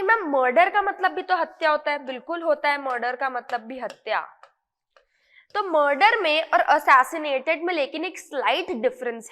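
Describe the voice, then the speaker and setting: A woman's voice: high voice, pushed and bright, in a large hall. A woman teaching English vocabulary in an explanatory lesson, mixing Hindi and English and asking and answering her own questions.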